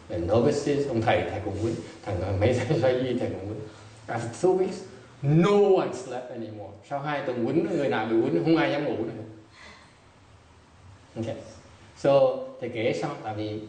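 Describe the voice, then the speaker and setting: A man's voice: mid-range voice, animated, normal speed, warm tone. A man giving a dharma talk as a Buddhist meditation teacher, telling jokey anecdotes. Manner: joking, anecdotal storytelling. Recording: echoey hall, distant mic, faint hiss.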